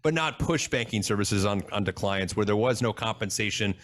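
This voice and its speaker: A man's voice: lowish voice, expressive, a little fast, a bit bright. A man hosting an advisor podcast, chatting casually and telling stories as he introduces his guest. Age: older adult. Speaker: podcast host. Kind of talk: casual interview chat.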